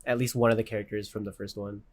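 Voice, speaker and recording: A laid-back man chatting on a podcast and keeping his answers brief. His voice sits somewhat low, with faint clicking sounds in the background. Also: level tone, quick pace. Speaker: podcast co-host. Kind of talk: casual chat.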